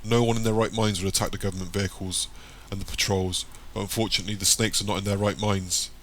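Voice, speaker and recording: A secretive, formal man in an audiobook story, calm and courteous, with a fairly low voice, as the male narrator reads him. He speaks in a measured, deliberate way. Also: a little hiss or hum, natural voice.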